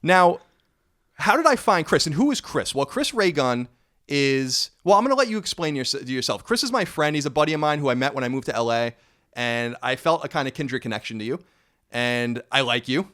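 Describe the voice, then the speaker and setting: A man's voice: medium pitch, lively intonation, fairly quick, fairly bright tone. A man in his thirties hosting a casual podcast, rambling and correcting himself with wry asides. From United States. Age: 30s. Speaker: podcast host.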